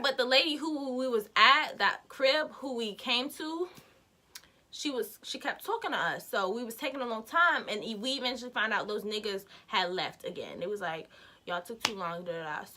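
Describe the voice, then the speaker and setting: Young woman vlogger, storytime delivery, high bright voice, animated, slangy. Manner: animated, swings loud to hushed, slangy. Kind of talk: storytime vlog.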